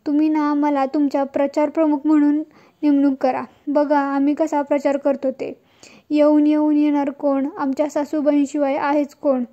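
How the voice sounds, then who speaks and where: A woman voicing a boastful, pushy son-in-law in a serial recap, in her own high voice. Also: monotone, normal speed, dark tone, lo-fi sound, lightly acted.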